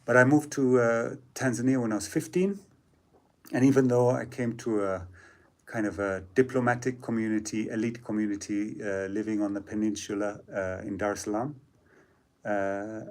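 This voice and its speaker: A man who grew up in Zambia, a musician guest telling stories in a casual interview, reflective and pausing often with fillers. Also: on the low side, steady tone, darkish tone. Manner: reflective, hesitant with many fillers.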